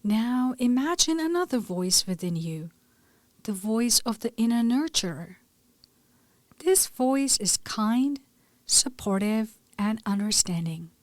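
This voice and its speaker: A woman guides a gentle scripted meditation, soothing and measured, her soft voice growing breathy at the ends of phrases. Her pitch is fairly high with lively intonation, and there's no echo.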